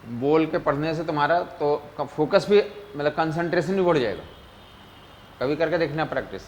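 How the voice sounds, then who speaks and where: A man's voice: a little high, normal speed, a little hiss or hum. A man teaching physics in a casual classroom lecture, mixing English terms into his talk and often checking that students follow. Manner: keeps asking students if they follow; mixes Hindi with English terms.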